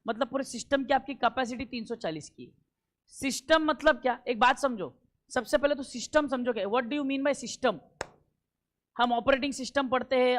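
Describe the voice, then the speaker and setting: A man teaching a classroom lecture, emphatic and repetitive, often checking that students follow and slowing down for key English terms. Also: extremely high pitch, a bit bright. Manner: emphatic, repeats points and keeps checking understanding.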